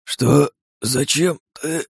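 A man playing a creaky, frightened old doctor. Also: fairly high pitch, drawn-out words, dry recording, pitched above the performer's own voice, heavily acted. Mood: alarmed. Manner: shouting orders, then stammering pleas. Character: frightened old male doctor, domineering then pleading. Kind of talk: audiobook character voice.

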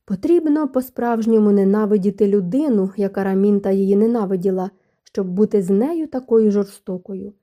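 A woman reads a novel aloud in an even storytelling manner. Her voice is very dark and mellow at a middle pitch. This is scripted audiobook narration. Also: brisk.

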